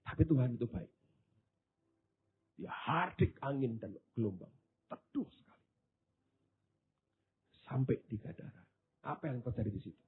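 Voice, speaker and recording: A man preaching a sermon, swinging from hushed asides to loud exclamations, with casual slang jokes. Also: medium pitch, expressive, normal speed, long pauses, husky. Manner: drops into casual Javanese-flavoured slang for humour. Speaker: pastor. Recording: tinny phone-like sound.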